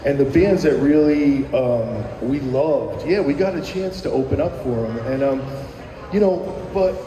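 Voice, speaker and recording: A middle-aged New Jersey musician, interviewed as a guest, talks a little slowly in a mid-range voice. He reminisces in a rambling way with frequent fillers and restarts. The audio is dull, a crowd can be heard behind him, and the room is echoey with long reverb.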